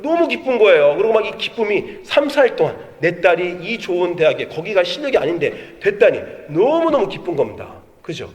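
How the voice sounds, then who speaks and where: Middle-aged male pastor, high lively sermon delivery, church hall echo. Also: a little fast, few pauses, muffled recording. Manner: animated storytelling, acts out quoted voices. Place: church sanctuary. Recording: long hall reverb.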